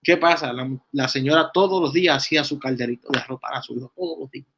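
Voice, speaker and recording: A man, preaching casually in a halting way as he tells a story, full of repeated words and restarts. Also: medium pitch, fairly bright tone, muffled recording, slight background noise. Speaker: church talk co-host.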